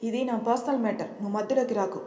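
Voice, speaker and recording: A woman voicing a harsh, jealous elder sister who threatens and shouts in an audio story. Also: a little high, steady tone, fast, close to an everyday voice. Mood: furious. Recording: roomy echo.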